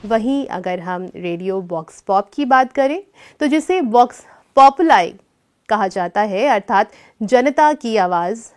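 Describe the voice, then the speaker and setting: A woman giving a scripted lecture on radio scriptwriting, speaking in a measured, deliberate way and varying her delivery to demonstrate. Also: fairly high pitch.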